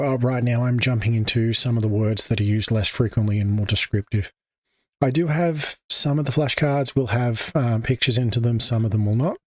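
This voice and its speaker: An Australian man hosts an English-teaching livestream, speaking unscripted into a desk microphone. His voice is medium-pitched and the recording is dry. He talks off the cuff, with many fillers and restarts.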